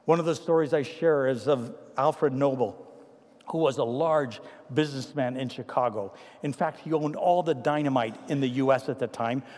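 A long reverb from the church sanctuary surrounds this sermon by a Trinidadian-accented pastor addressing seniors. His mid-range voice moves from lively, funny anecdotes into hushed, sincere appeals.

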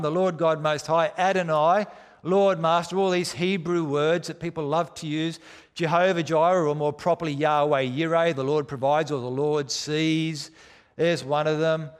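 A man preaching a sermon with dramatic, deliberate emphasis, using rhetorical questions and repetition. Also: a little high, clean tone. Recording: echoey hall with long reverb.

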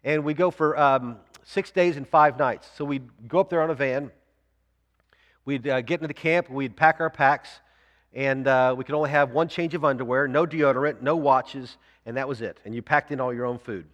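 A man's voice: mid-range voice, steady tone, normal speed, highs cut off. A man preaching a sermon, telling a story in a loose, conversational way with restarts and fillers. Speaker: pastor. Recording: long hall reverb.

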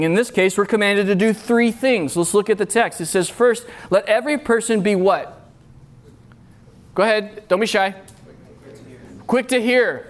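A middle-aged man preaching a sermon at a youth retreat, earnest and repeating key phrases for emphasis. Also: sits high. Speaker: youth pastor. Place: retreat meeting room.

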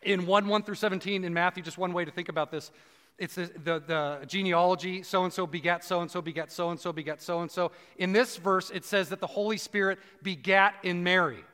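A man preaching a conversational sermon, dropping low and slow for emphasis. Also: fairly even intonation, pushed and bright, big-room sound. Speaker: pastor.

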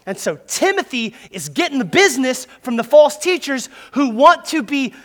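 High-voiced energetic young pastor preaching. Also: male voice, moderate pace, long reverb tail. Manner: lively, leads call-and-response; storytelling with boxing imagery. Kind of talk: sermon.

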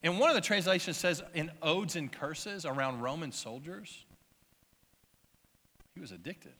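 A man's voice: a little high, expressive, a little slow, sharp tone, long reverb tail. A man preaching a sermon as pastor, telling the story in a conversational way and asking his listeners questions.

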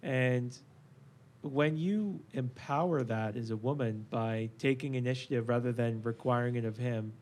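A man's voice: mid-range voice, normal speed, a little mellow. A man hosting a podcast, speaking earnestly about faith and relationships, with many fillers and restarts. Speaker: podcast host. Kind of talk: casual faith discussion.

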